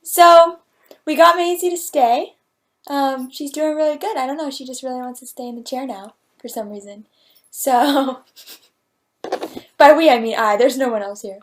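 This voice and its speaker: A woman's voice: high-pitched, a little slow, pauses often. A woman vlogger answering viewer questions at home, in a playful, rambling, jokey casual chat. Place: at home, talking to her cat.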